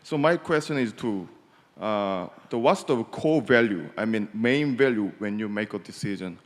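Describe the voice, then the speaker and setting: A middle-aged man from Korea with a Korean accent, asking a halting question into a handheld mic in a large auditorium. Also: lowish voice, lively intonation. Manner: halting, searching for words. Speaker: audience member asking a question. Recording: reverberant lecture hall.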